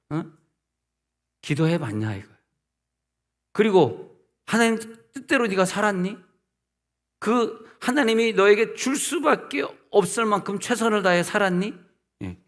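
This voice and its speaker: A man's voice: sits high, animated, a little slow, long pauses. A middle-aged man, a senior pastor, preaching a sermon in a conversational way, asking his listeners rhetorical questions and acting out the people he quotes.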